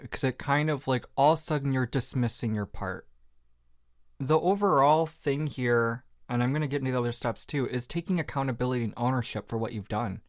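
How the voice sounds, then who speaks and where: A man's voice: medium pitch, no room sound, studio quality. A man hosting a solo podcast, talking in a reflective, candid, self-deprecating way with lots of fillers. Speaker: podcast host.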